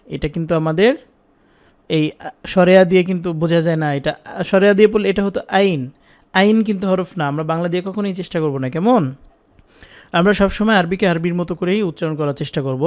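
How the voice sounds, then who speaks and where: A man teaching Quran pronunciation, patiently repeating drawn-out sounds for students to echo. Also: a little high, darkish tone. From Bangladesh. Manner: drawn-out demonstration syllables. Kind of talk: online Quran pronunciation lesson.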